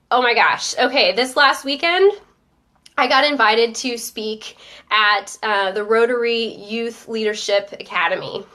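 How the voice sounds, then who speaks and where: Hosting a live-streamed show from a webcam or phone, a woman from Northern Virginia chats upbeat with viewers and reads their comments aloud despite a stuffy head cold. Her voice is a little high, pushed and bright.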